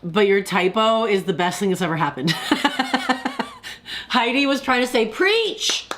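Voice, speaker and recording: A woman's voice: a little high, wildly swooping pitch, a bit bright. A young woman hosting a casual live stream, talking in a chatty, confessional way with lots of "like" and reading viewer comments aloud. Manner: chatty, confessional, with frequent "like" and quick laughs.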